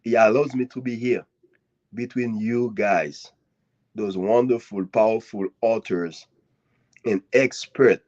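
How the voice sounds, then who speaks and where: A man from Haiti, a guest author giving an earnest, grateful speech at a live author event, with swinging emphasis and long dramatic pauses. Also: fairly low pitch, darkish tone. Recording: dull lo-fi audio.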